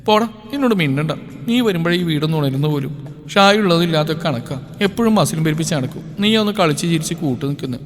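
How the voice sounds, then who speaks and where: Guy doing a bratty little sister, teasing and quick, bit higher, echoey with music. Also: lively intonation, natural voice. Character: cheeky teenage younger sister, teasing. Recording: reverberant with faint music.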